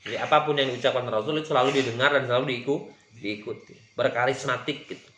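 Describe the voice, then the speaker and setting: A man's voice: medium pitch, fast talker, a bit bright, echoey room, highs cut off, a little hiss or hum. A man with a Sundanese accent teaching a religious study class, reading Arabic text and explaining it phrase by phrase.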